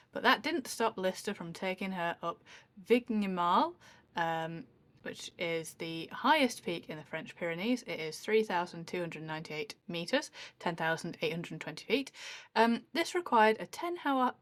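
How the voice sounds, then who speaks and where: A woman's voice: on the low side, expressive, moderate pace, fairly bright tone, dry recording. A woman co-hosting a casual podcast, chatty and joking, a little tipsy from day drinking. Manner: chatty, swearing, joking, with fillers. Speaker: podcast co-host. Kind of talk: casual chat.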